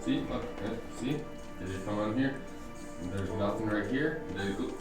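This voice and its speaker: Deep-voiced teasing father, off-mic. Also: moderate pace, distant mic. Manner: teasing, playful with a child. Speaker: father and streamer. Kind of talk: casual family banter on a stream. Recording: roomy sound, off-mic, game music behind.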